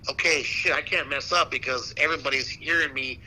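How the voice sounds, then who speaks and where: A man's voice: medium pitch, fairly even intonation, a little fast, pushed and bright, poor audio. A man who works as a boxing ring announcer, talking casually and emphatically as an interview guest, with slangy asides.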